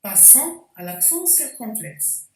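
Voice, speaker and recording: A woman's voice: on the high side, big pitch swings, a little mellow, roomy sound, far from the mic, slight background noise, low-quality recording. A woman teacher giving a spelling lesson, explaining step by step with frequent hesitations. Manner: slow, deliberate explanations with hesitations.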